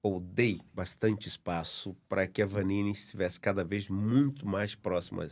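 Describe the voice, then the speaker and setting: Deep-voiced man speaking in a measured way. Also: darkish tone. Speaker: podcast guest, father. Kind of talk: casual podcast conversation.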